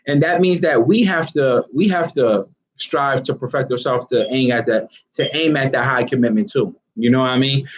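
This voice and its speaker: A man giving a casual, rambling motivational talk as an online fitness marketer, often asking "you know what I mean?". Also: on the high side. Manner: animated, breaks into laughs. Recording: dull lo-fi recording.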